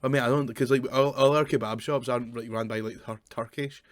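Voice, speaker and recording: A young man co-hosting a podcast, chatty and quick to laugh, filling talk with "like". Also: mid-range voice, steady tone, dry recording. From Scotland. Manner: chatty, laughs a lot, uses "like" constantly. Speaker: podcast co-host. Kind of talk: casual chat. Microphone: video call recording.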